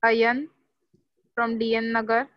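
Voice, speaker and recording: A woman's voice: a little high, little pitch movement, drawn-out words, no echo, muffled recording. A woman teaches a Sanskrit class over a video call, encouraging and mixing Hindi with English.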